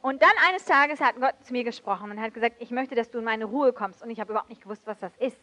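A woman preaching a sermon with emotive swings between loud outbursts and soft, hushed passages. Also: fairly high pitch, fast talker. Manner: switches briefly into English.

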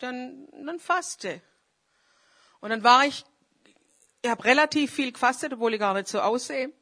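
A woman preacher, giving a fervent charismatic sermon and praying aloud. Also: a little high. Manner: fervent, swings between loud calls and quiet confession; prays aloud mid-sermon.

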